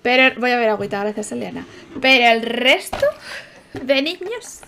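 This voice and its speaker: A young woman talks through a life-sim game in loose commentary from her home setup. Her voice sits somewhat high, and she talks in a chatty, playful way, swearing freely and chanting repeated words at a desk mic. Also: animated, normal speed, vocal fry, bright, forceful tone. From Spain. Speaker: streamer. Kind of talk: casual gameplay commentary.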